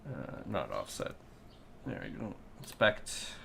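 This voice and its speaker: Very gravelly, slow-talking sleepy man. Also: deep voice, wildly swooping pitch, sharp tone, a little hiss or hum. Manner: mutters to himself, repeats words like cool and yep. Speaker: designer working through a 3D model. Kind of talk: thinking aloud while working on a computer.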